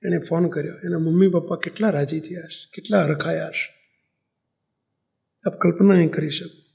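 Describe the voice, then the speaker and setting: High-voiced, gravelly male preacher. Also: fairly even intonation, brisk, a little mellow. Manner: storytelling, acting out dialogue. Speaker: spiritual teacher. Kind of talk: sermon with story-telling.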